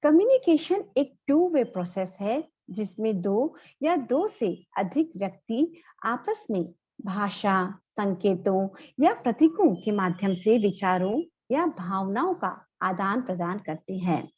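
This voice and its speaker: Woman instructor, slow measured delivery, slightly husky voice, dull lo-fi audio. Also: medium pitch, big pitch swings, a little mellow. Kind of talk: slide-led lecture.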